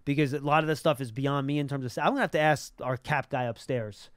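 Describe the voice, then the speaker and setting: Speaking emphatically into a close boom-mounted mic, a sports talk host explains things live from a small indoor studio. He's fast and smooth, medium-pitched and a bit bright with fairly even intonation, and there's no room sound.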